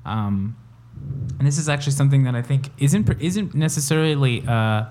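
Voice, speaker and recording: A young man from El Salvador in casual conversation, talking reflectively with many pauses and fillers. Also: mid-range voice, animated, a little mellow, a little hiss or hum. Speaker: conversation partner. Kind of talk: casual chat.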